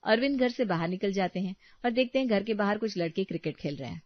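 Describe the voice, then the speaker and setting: A woman narrating a scripted storybook tale in a steady, plain manner. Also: mid-range voice, quick pace, dry recording. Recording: dry, slightly dull recording.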